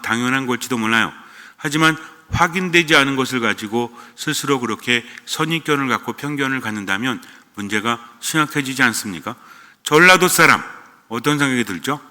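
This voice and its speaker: Bright-voiced priest in a reverberant church. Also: male voice, mid-range voice, normal speed. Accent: standard Seoul-style Korean. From Gyeonggi Province, Korea. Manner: conversational, asks the congregation questions. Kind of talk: sermon.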